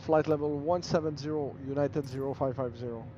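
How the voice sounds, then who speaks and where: A man's voice: on the high side, fairly even intonation, brisk, dull audio, noisy background. Man making clipped pilot radio calls. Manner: crisp clipped radio phraseology, reading back clearances. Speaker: flight simulator player acting as airline pilot.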